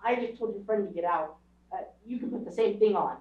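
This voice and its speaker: On a small theatre stage, an actor plays a proud, defiant boy in a radio drama, speaking bluntly and insistently. The voice is natural and medium-pitched, a little fast. Recorded from an audience camera, the audio comes across far off, dull, and echoey.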